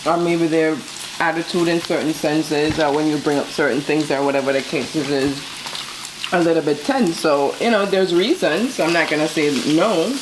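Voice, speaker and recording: A woman's voice: deep voice, fairly even intonation, moderate pace, background noise. A woman co-hosting a food vlog, talking casually and giving her opinions in a conversational way. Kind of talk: casual relationship chat while cooking. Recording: loud sizzling food close by. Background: frying and sizzling on a grill.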